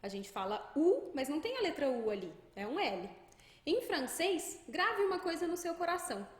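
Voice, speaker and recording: Lively Brazilian woman teaching French. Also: sits high, normal speed, echoey room. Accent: Brazilian Portuguese. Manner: lively, emphatic, playful teaching. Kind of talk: pronunciation lesson to camera.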